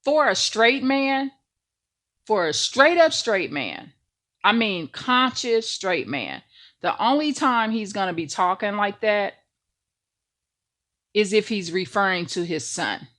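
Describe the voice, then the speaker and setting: A woman's voice: mid-range voice, big pitch swings, slow, long pauses, fairly bright tone. A woman hosting a ministry channel, preaching a monologue to the camera and repeating phrases for emphasis.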